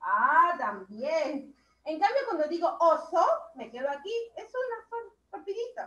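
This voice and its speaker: Woman teacher, high voice, slow and drawn-out, heaps praise on small kids, roomy lo-fi call audio. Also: big pitch swings. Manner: slow, drawn-out words, warmly praising children. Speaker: primary school teacher. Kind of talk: online class instruction.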